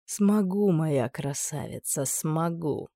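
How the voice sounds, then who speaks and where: A reader voicing a cruel older male high judge who toys with his captive and speaks in slow, low, purring threats. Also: steady tone, darkish tone, dry recording, clean studio sound, close to an everyday voice. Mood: menacing.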